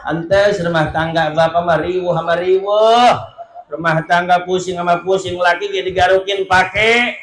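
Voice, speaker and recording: A man's voice: high voice, fairly even intonation, moderate pace, fairly bright tone, slight background noise. A male preacher, giving a joking sermon and chanting Arabic prayers, recorded through a hall sound system. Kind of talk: humorous sermon. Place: large mosque hall.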